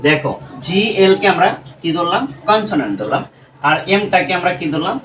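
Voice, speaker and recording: A man teaching English pronunciation, patiently breaking words apart slowly and asking his students questions. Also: high voice, lively intonation, fairly bright tone, slight background noise. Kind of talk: classroom lesson explaining English pronunciation. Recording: echoey room, voice from far off.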